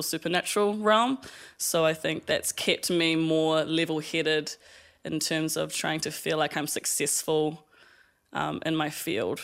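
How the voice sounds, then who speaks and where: A man's voice: fairly high pitch, gravelly, a bit bright, clean tone. A young man from Fiji, talking reflectively as an artist guest in a casual interview, with many fillers and laughs.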